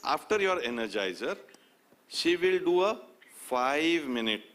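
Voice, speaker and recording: A man's voice: medium pitch, animated, a little fast, a bit bright. A man with an Indian accent hosting a live event, switching between English and Hindi and repeating words to hurry people along. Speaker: event host. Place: conference stage with audience.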